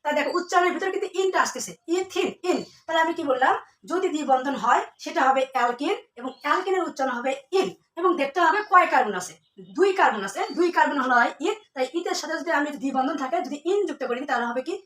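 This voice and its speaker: Picked up by a distant mic in an echoey room with slight hiss or hum, a woman delivers a chemistry class in a rapid-fire, high-sitting, fairly bright voice. She asks her students questions, then answers them herself while repeating the main terms.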